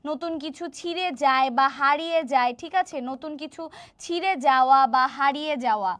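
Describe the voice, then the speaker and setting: A young woman teaching an online exam-prep class. She explains slowly, drags out key words, repeats the answers, slips in English words and keeps asking her students "right?". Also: high voice, fairly bright tone. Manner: encouraging, motivational asides. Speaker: admission test tutor.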